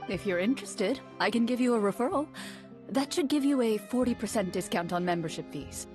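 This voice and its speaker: A woman voicing a composed female champion duelist in a game, calm, reserved and formal. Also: fairly high pitch, a little fast, faint music behind, natural voice. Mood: helpful. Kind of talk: game cutscene voice acting.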